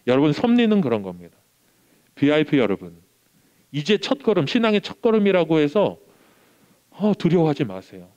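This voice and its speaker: Young male pastor, sermon delivery, lively storyteller, slightly high voice that swings widely. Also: normal speed, long pauses. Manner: animated storytelling, acts out quoted voices.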